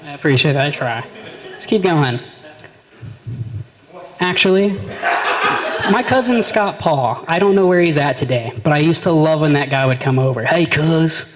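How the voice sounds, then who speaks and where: A man's voice: fairly high pitch, expressive, moderate pace, pauses often, low-quality recording. A young man doing a rambling, brash stand-up comedy set on stage, acting out his friends' voices. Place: comedy venue with live audience. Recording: live room with audience crowd.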